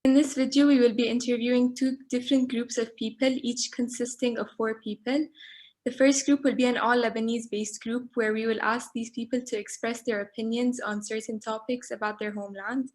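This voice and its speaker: A woman introduces the video and then asks short, direct questions, many of them yes-or-no. She speaks with a fairly high voice in a brisk, businesslike way. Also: fairly even intonation, a little mellow. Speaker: interviewer. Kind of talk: interview questions.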